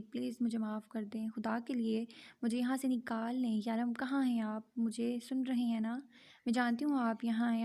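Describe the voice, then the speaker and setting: A woman's voice: a little high, dark tone, lightly acted. A woman voicing a terrified young wife who begs desperately to be let out. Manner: begging, desperate.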